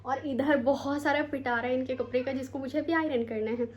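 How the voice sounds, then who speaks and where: In a casual bedroom vlog, a young Indian woman rambles to the camera, mixing English into her talk and sounding tired and sore from a long day. She speaks briskly in a high voice with a steady tone.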